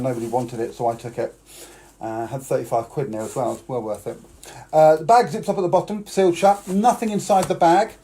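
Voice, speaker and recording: A man's voice: medium pitch, warm tone. A British man performing as a children's party magician on a live stream, talking boys and girls through tricks and coaxing them to join in. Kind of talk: live-streamed kids' magic show patter.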